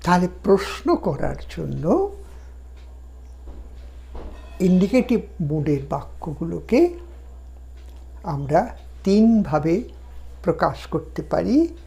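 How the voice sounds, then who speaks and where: A man with a Bengali accent teaching a language lesson, explaining patiently and repeating example sentences slowly. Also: on the high side, gravelly, mellow.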